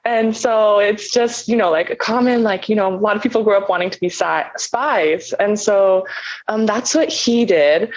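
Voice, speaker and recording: A young woman guest in a casual interview, talking slowly and hesitantly with many ums. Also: medium pitch, dull audio. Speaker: podcast guest.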